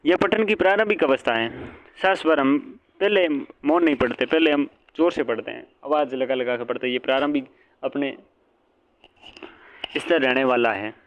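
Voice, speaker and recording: A man's voice: medium pitch, moderate pace, long pauses, no echo. A male teacher giving an exam-prep lecture, asking and answering his own questions and repeating each point. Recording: dull lo-fi audio.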